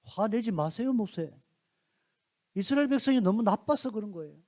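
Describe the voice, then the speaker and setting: A man's voice: sits high, expressive, normal speed, a little mellow. A man voicing Aaron, a defensive priest making excuses in a children's Bible story. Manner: placating, defensive.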